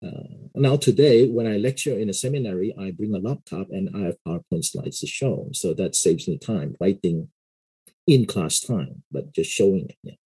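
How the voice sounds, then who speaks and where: A middle-aged man, a pastor and seminary lecturer, explaining his views in a casual interview in a measured way, often adding "you know". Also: sits low, mellow, slightly rough, low-quality recording.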